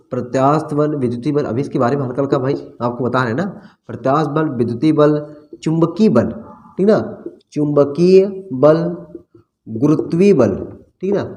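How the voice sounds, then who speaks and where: Man teaching physics, slightly high voice. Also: a little mellow. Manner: asks questions and answers them himself, repeating key terms; casual, calls students brother. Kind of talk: classroom lecture.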